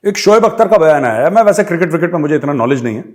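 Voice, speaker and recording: A middle-aged Indian man with an Indian accent giving a forceful, rhetorical opinion monologue as a show host, moving between English and Hindi. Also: a little high, animated, racing.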